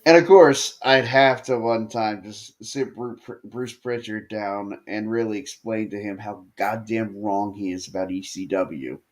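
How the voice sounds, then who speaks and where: A man with a slightly low voice co-hosts a relaxed wrestling podcast. He tells match stories at length, circling back with fillers and restarts as he goes. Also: a little slow, hardly any pauses. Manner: animated storytelling with frequent fillers and restarts. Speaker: podcast co-host. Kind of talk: casual wrestling chat.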